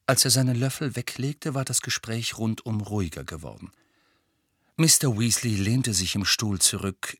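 A man narrating an audiobook in a measured storytelling manner. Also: fairly low pitch, a bit bright, no room sound, clean studio sound. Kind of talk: scripted narration.

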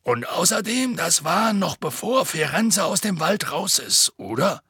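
A man voicing a huge, gruff half-giant groundskeeper with a slow, raspy, folksy way of talking. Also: high voice, big pitch swings, fairly bright tone, dry recording, studio quality, pitched above the performer's own voice, exaggerated voice. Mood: grim gruff. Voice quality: gravelly, raspy.

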